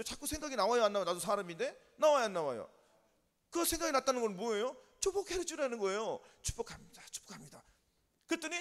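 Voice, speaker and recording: A man's voice: extremely high pitch, fairly bright tone, long reverb tail. A man preaching a sermon as pastor in a church. He keeps quizzing the congregation with either-or questions and waits for their answers. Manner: call-and-response questions to the congregation. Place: church sanctuary.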